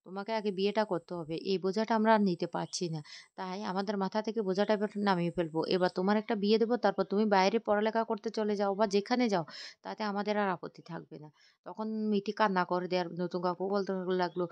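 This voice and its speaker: A woman retelling a TV serial episode, quoting each character's lines in a rapid run-on narration with frequent fillers and restarts. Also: mid-range voice, darkish tone, clear, resonant tone, dry recording. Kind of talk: fast spoken plot retelling with quoted dialogue.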